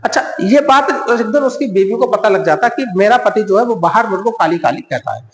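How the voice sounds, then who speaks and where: A man with a high, brisk voice and lively intonation leads an exam-prep classroom lecture built on memory tricks, repeating each point, quizzing his listeners, answering himself and calling them friend again and again. The room is echoey with long reverb.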